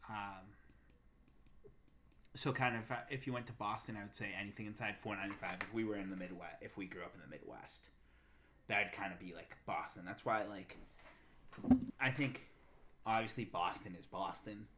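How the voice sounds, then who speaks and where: Against background noise, a young Massachusetts man co-hosting a podcast chats casually in a lowish voice at a moderate pace. He pauses often and fills the gaps with fillers while thinking aloud.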